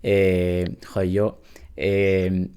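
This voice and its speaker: A man's voice: deep voice, completely flat delivery, very slow, warm tone, smooth. A man in his thirties telling a rambling anecdote in casual talk, swearing now and then. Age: 30s.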